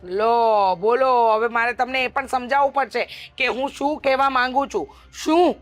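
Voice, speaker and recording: A woman acting a bossy, sharp-tongued mother-in-law in a family drama who scolds loudly and mocks. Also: a little high, moderate pace, no echo, faint music behind, lightly acted. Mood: scolding. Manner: scolding, loud, mocking.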